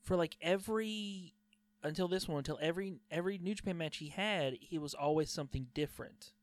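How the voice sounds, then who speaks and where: A man's voice: high voice, a little fast, no echo. A man chatting casually on a podcast, easygoing and swearing offhandedly. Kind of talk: casual podcast chat about wrestling.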